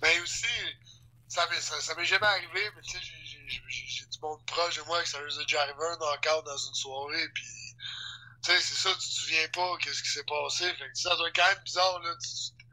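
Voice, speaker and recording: A man chats on a podcast in a very bright, sharp voice. He is hesitant, restarting and stuttering over words before he gets going. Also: a little high, fairly even intonation, brisk, rough recording. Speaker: podcast co-host. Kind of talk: casual podcast chat.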